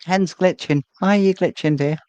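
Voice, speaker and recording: A man's voice: high voice, normal speed, a little mellow, smooth, no room sound, muffled recording. A British man in casual chat, making dry joking asides. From Britain.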